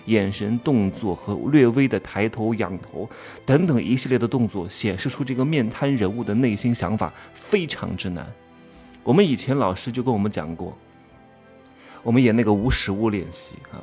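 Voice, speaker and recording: A man giving an animated monologue lecture, firing rhetorical questions and stressing key words. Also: lowish voice, brisk, soft background music. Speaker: commentator teaching expression.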